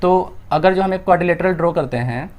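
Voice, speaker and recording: A man's voice: high-pitched, brisk, a little mellow. A young man with an Indian accent, a maths teacher working through textbook exercises step by step, mixing Hindi with English and asking and answering his own questions.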